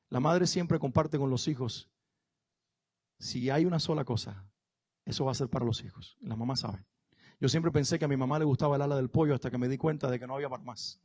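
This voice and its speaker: A man's voice: high-pitched, no echo. A man, a pastor, preaching a sermon in an earnest storytelling way and speaking straight to his congregation. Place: church.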